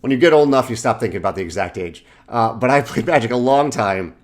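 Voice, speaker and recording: A man's voice: medium pitch, lively intonation. A man in his forties who hosts a board game channel, talking casually and correcting himself as he rambles through lists of titles. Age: 40s. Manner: rambling, self-correcting, listing titles in quick bursts. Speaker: game designer and channel host. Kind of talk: casual video monologue.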